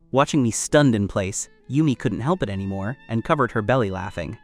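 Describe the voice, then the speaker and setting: A man narrating a story recap in first person, in a steady scripted storytelling read. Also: medium pitch.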